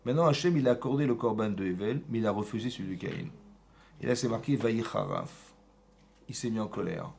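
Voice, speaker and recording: A man teaching a Torah class in a synagogue, lively and often checking in with his listeners. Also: lowish voice, brisk, vocal fry, slight background noise. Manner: lively, asks frequent check-in questions, mixes Hebrew terms. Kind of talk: animated Torah lesson with questions to the audience.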